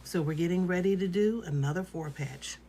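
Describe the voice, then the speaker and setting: Woman, quilting teacher, lowish voice, casual and reassuring, faint background noise. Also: fairly quick. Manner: chatty, reassuring, thinks aloud while working. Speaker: quilting instructor. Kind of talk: casual live tutorial.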